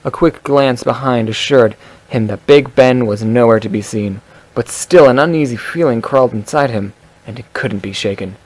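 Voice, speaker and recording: A man's voice: mid-range voice, moderate pace, darkish tone. A man reading a story aloud on a cheap microphone without a pop filter in an untreated echoey room, stumbling over words and breaking off for playful asides. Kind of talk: reading a story aloud in an old test recording.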